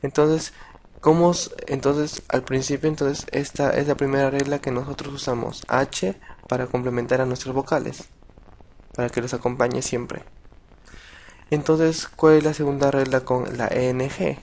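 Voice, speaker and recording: A man teaching a casual video lesson, patient and halting, with many restarts and repeated words. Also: mid-range voice, little pitch movement, darkish tone, a little hiss or hum. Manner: patient, addresses viewers directly. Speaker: language teacher.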